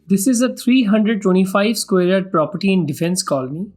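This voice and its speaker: A man's voice: high voice, lively intonation, a little fast. A man with an Indian accent giving a formal, scripted property tour as a vlog host, in a salesman-like way. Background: background music.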